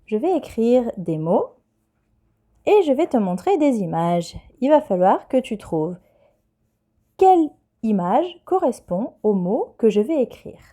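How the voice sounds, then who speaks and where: A woman teacher, giving a patient, clear dictation lesson to young children and spelling letters one by one. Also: a little high, very animated, a little slow, mellow. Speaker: primary school teacher.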